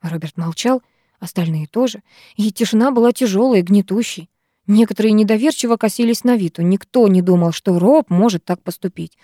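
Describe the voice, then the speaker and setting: A woman reads a first-person novel aloud in an even, measured way. Her voice is mellow and warm, and the close recording is dry. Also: medium pitch, dry recording. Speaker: audiobook narrator. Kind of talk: first-person audiobook narration.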